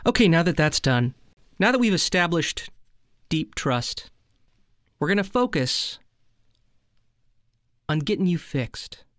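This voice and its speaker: Deadpan comic host, man, slightly higher voice, dry close studio sound, fake-soothing meditation delivery. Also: slow, pauses often, dry recording. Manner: deadpan, soothing parody, breaks into banter. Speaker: comedy podcast co-host. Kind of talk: mock guided meditation, deadpan comedy.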